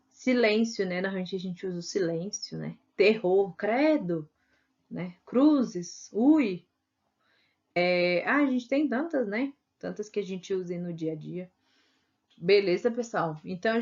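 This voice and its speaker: A Brazilian woman teaching a relaxed online video lesson in a medium voice. She talks in a chatty way and keeps checking in with her students with a quick "né?". The sound is dull and lo-fi, as from a basic computer mic. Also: medium pitch. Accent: Brazilian Portuguese. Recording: dull lo-fi recording.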